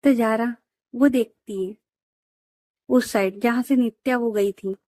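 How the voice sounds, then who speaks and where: Slow, mellow-voiced woman storyteller. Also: fairly high pitch, no room sound. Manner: chatty, addresses listeners as friends. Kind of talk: serialized audio story narration.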